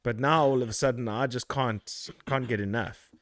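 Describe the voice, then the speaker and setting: A man's voice: medium pitch, fairly even intonation, moderate pace, a bit bright, no echo, studio quality. Rambling laid-back male podcast host. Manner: rambling, laughs often, swears casually. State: out of breath. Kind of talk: casual chat.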